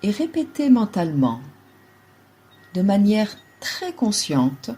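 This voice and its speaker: Her voice is mid-range with a breathy edge as she guides a relaxation meditation in the yoga nidra style, keeping her instructions short, calm and measured.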